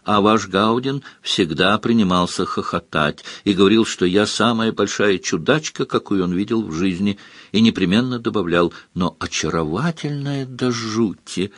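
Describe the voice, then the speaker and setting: A man's voice: lowish voice, normal speed, fairly bright tone, dry recording, studio quality. A man voicing a flirtatious, scheming court countess in an audiobook, reading her lines in a teasing, playful manner.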